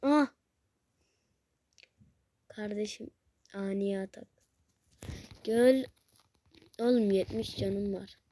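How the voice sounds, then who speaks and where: A woman commentating on her mobile game play, excitable and swearing, shouting at the screen, recorded on a phone. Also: medium pitch, drawn-out words, long pauses. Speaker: gaming video creator.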